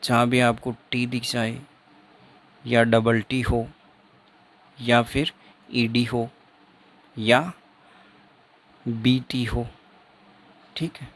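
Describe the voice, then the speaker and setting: A man's voice: mid-range voice, level tone, very slow, pauses often, a bit bright. A man teaching an exam-prep phonetics lesson, repeating each sound and example several times.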